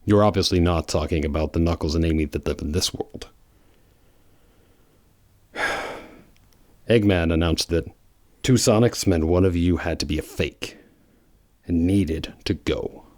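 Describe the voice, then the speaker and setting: Man as low, brooding Shadow the Hedgehog. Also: a little mellow, no room sound. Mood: bitter. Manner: halting, grave, guarded. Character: brooding, bitter, loyal male hedgehog antihero. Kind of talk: audio drama voice acting.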